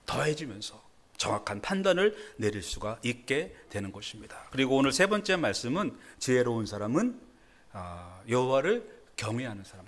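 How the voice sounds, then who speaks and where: Animated middle-aged Korean pastor preaching. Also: male voice, mid-range voice. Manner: conversational preaching with self-deprecating laughs and sudden emphatic rises. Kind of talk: sermon. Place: church sanctuary.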